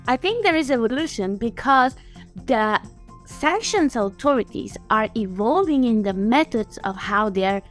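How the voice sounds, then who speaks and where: Woman in her 30s, chatty and lively, kinda high voice, laughs a lot, video call. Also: a little slow, faint music behind. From Bulgaria. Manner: animated and chatty, laughs often. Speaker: guest, sanctions compliance specialist. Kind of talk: interview answers.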